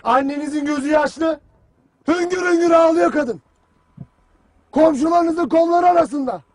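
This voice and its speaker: A man's voice: extremely high pitch, measured pace, darkish tone. An actor playing a stern army commander who barks harsh, taunting words at his soldiers in a film drama. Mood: grim lecture.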